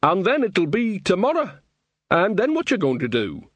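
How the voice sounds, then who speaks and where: A man's voice: high voice, wildly swooping pitch, normal speed, slightly rough, no echo, voice pushed up, heavily acted. A man playing a blunt, earthy old witch. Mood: wry. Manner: folksy, blunt, teasing. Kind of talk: audiobook character reading.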